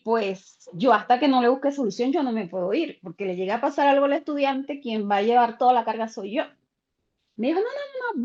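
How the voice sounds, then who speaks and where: A woman teacher tells a story from her classroom in a bright, fairly high voice, jumping into the voices of the people she quotes. Her sound comes through dull and lo-fi, like audio from a video call. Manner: animated, acts out quoted voices. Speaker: teacher sharing an experience in a class.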